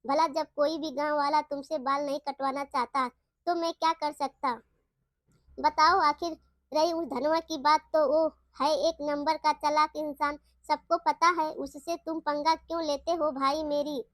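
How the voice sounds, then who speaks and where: Woman voicing dismissive village chief, lecturing, high flat voice. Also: unhurried, dry recording, studio quality. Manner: brushing off, lecturing.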